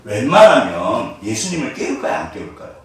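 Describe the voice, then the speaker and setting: A man's voice: fairly low pitch, a little fast, slight background noise. A male pastor preaching a sermon, often putting questions to his congregation. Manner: animated, asks the congregation questions. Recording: echoey room from far off.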